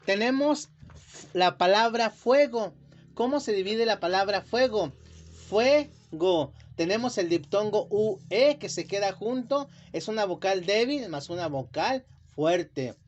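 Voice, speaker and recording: Man slowly spelling out syllables for children. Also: sits high, expressive. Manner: slow, careful, drawing out words syllable by syllable. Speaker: teacher. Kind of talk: classroom lesson explanation. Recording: dull lo-fi sound.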